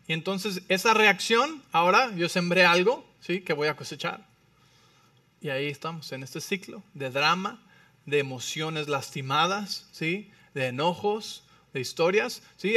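A male pastor preaching a sermon, animated, swinging between loud emphatic phrases and quiet low ones, often checking in with the listeners. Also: moderate pace, far from the mic. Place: church.

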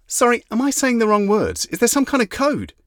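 A man's voice: a little high, huge pitch swings, moderate pace, slightly rough, voice pushed up, full character voice. A man voicing a bewildered, frustrated young woman who keeps asking questions, in a dry, close audiobook recording. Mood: exasperated. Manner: pleading, questioning.

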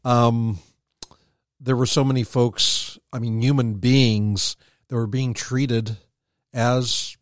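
Guy co-hosting a radio show, medium pitch, reads promos and chats, really dry sound. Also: flat delivery, slow pace, no echo. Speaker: radio co-host. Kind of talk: promotional announcement read and casual radio talk.

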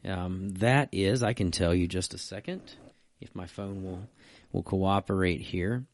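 A man's voice: low-pitched, measured pace. A man co-hosting a church podcast, chatting casually and agreeing often. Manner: agreeable, frequent back-channel replies. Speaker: church staff co-host.

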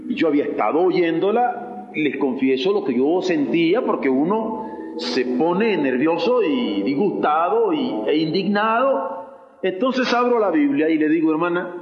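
A male pastor gives an emphatic sermon, swinging between loud and soft. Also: a little high. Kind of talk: sermon with personal story. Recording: echoey hall, dull lo-fi sound.

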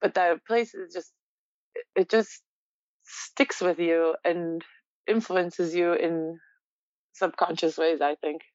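A young Polish-born woman, appearing as an interview guest, chats casually in a smooth, resonant, lowish voice. Relaxed and reflective, she laughs often. The audio is dull and lo-fi with no room sound.

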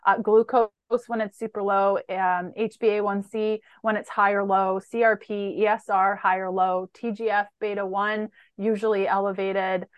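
A woman's voice: medium pitch, level tone, normal speed, few pauses, smooth, no echo. A woman, a holistic nutritionist being interviewed, who explains at length and lists lab markers one after another in a methodical way.

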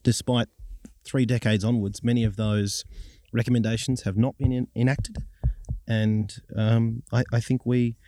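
A man in his thirties with an Australian accent, giving measured, reflective answers in an interview as a journalist. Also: medium pitch, little pitch movement, mellow. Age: 30s. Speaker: journalist and broadcaster.

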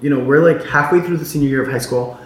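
A man's voice: a little high, fast. A young man from Chicago talking casually as an interview guest, telling stories with lots of fillers and quoted dialogue. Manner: chatty storyteller, many fillers and quoted dialogue. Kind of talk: casual chat. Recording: echoey room with faint noise.

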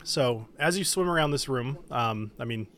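A man running a tabletop game as game master, describing scenes in a relaxed way with many fillers, over an online call. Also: mid-range voice, moderate pace, a little hiss or hum.

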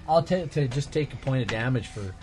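A man's voice: mid-range voice, lively intonation, fairly quick. A man narrating as game master, improvising loosely with fillers. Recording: background music.

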